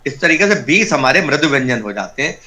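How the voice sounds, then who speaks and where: A man's voice: fairly high pitch, big pitch swings, fairly quick, pushed and bright. A man teaching an online Sanskrit class over a video call, patiently explaining step by step and repeating key terms.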